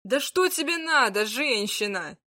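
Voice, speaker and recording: A woman's voice: high-pitched, sing-song, moderate pace, sharp tone, pitched above the performer's own voice, heavily acted. A woman voicing a boastful, simple-minded male dragon who can turn into a man, blunt and grumbling. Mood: indignant.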